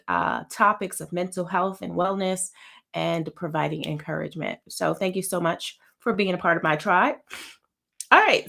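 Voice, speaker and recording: A woman therapist hosts her weekly live show, chatting casually and greeting viewers by name, a little nasal from a head cold. Her voice is fairly low-pitched and a bit bright.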